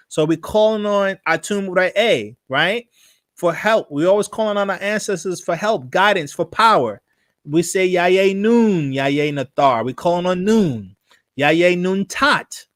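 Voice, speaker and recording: A man hosting a live stream, teaching and answering viewer questions, often repeating himself and slowly chanting invocations. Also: fairly high pitch, dry recording. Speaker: host of a live religious show.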